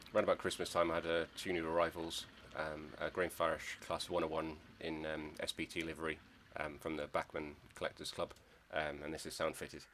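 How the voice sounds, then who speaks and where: A Scottish model railway hobbyist narrates a casual hobby video in an extremely low, flat, even voice, nasal from a lingering cold. He's hesitant, pausing often with ums and restarting sentences, with slight background noise.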